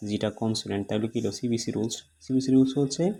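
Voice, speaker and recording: A man teaching English grammar to students, explaining each rule step by step and repeating it slowly, with frequent "uh" fillers. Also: lowish voice, vocal fry, mellow.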